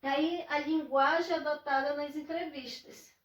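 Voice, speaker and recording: A woman teacher with a Brazilian accent walks her students through a lesson, restating each point and asking little check-in questions as she goes. Her voice sits high. She sounds a little distant from the mic, in a room with a noticeable echo. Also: fairly even intonation, dull audio. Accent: Brazilian Portuguese. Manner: explains slowly, repeats points, asks "né?" often. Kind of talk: classroom lesson.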